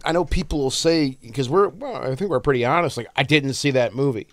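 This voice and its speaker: A man's voice: mid-range voice, a little fast. A man co-hosting a film podcast, talking in a profane, heated rant. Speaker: podcast co-host. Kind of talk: casual film chat.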